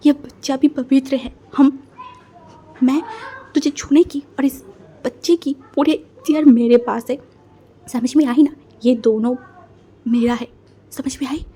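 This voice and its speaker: A woman voicing a domineering young husband who speaks slowly and menacingly in a storybook retelling. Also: dark tone, husky. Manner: low, slow, menacing, bossy.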